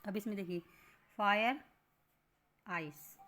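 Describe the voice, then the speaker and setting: A woman teaching a lesson. She explains slowly and patiently, repeating points and asking rhetorical questions. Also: mid-range voice, fairly even intonation.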